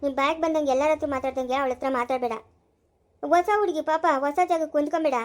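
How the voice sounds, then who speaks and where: Woman performer: a firm mother-in-law in a family cartoon, fast-talking and high-pitched. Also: fairly even intonation, close to an everyday voice. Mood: firm defending. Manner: firm, defensive. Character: protective middle-aged mother-in-law.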